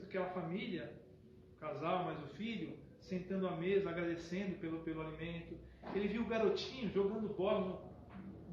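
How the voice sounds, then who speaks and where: A man giving a spiritist lecture, telling a story and acting out the dialogue between a calm father and a pleading son. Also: sits high. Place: spiritist center hall. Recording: echoey hall, distant lo-fi mic, faint hiss.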